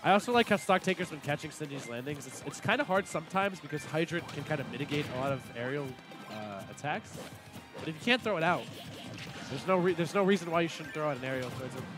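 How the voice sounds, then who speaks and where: A man with a slightly high voice calls a video game match live, mixing quick tactical breakdowns with joking asides. Clear background music plays behind him throughout. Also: animated. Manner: chatty analytical play-by-play with jokey asides. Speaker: esports commentator. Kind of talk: live esports commentary.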